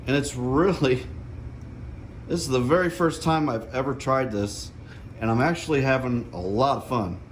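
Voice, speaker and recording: This DIY vlogger, a middle-aged man of medium pitch, talks through a casual hands-on demonstration at a moderate pace, checking understanding with "okay?" as he goes. Slight background noise is present.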